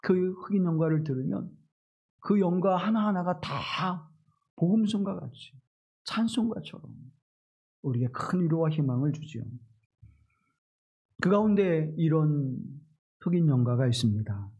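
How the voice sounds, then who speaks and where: A man preaching a Sunday sermon as pastor, moving between loud rising phrases and soft, low ones, acting out quoted speech. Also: animated, measured pace, pauses often, husky, lo-fi sound. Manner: dramatic swings in pitch and loudness, voicing quoted speech.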